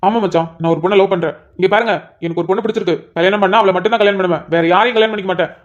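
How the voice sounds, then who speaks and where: A man's voice: sits high, fairly even intonation, rapid-fire, lo-fi sound, natural voice. An actor voicing a young man in a cartoon who firmly refuses an arranged marriage. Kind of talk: cartoon dubbing.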